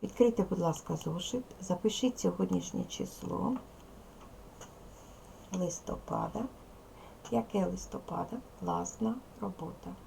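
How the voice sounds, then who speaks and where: A woman teaching a recorded primary school lesson with a Ukrainian accent, explaining slowly and carefully to young pupils. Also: lowish voice, sing-song, gravelly, warm tone, slight background noise. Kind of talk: recorded video lesson for children.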